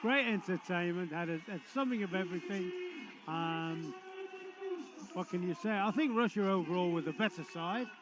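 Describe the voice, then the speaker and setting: A man's voice: sits high, normal speed. A man acting as co-commentator at a football match, giving short, chatty remarks on the play. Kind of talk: casual expert commentary.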